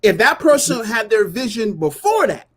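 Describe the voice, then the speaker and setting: This co-host of a live talk stream has a high-pitched, slightly rough voice with big pitch swings and a moderate pace. He's earnest and explanatory, building his points by repeating them and frequently tossing in "you know what I'm saying."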